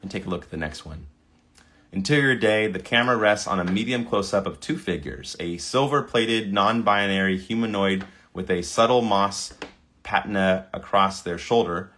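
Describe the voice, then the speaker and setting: Male creator, lowish voice, casual read-through of prompts with loose reactions. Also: normal speed, a bit bright. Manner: reads prompts aloud, stumbles over words, laughs. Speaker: video creator. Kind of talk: casual screen-recording commentary.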